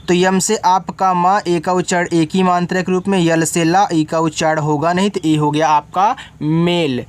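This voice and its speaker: A man's voice: sits high, fairly even intonation, moderate pace, hardly any pauses, clean tone. A man teaching beginners to read English, spelling each word letter by letter and then explaining it, often checking whether the learner follows.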